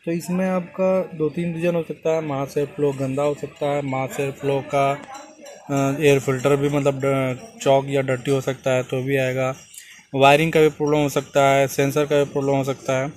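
Filmed up close on a phone, a young car mechanic walks through a repair step by step as he works on an engine, moving between the car's interior and the open engine bay outdoors. His voice is medium-pitched and darkish, with a flat delivery at normal speed.

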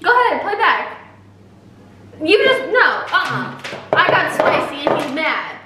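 High voiced girl in her 20s teasing and repeating herself, super echoey room, far from camera. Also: very animated, a little slow, very noisy. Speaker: challenge video host. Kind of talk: casual banter in a food challenge. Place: small room at a table, indoors. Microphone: camera a few feet away.

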